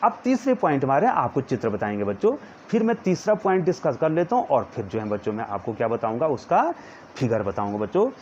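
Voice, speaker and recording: A man teaching a physics lesson to students, slowly dictating notes and pointing at a diagram as he explains. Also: medium pitch, big pitch swings, darkish tone. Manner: calls students "children" in nearly every line, repeats words slowly for dictation. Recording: dull lo-fi sound with faint background noise.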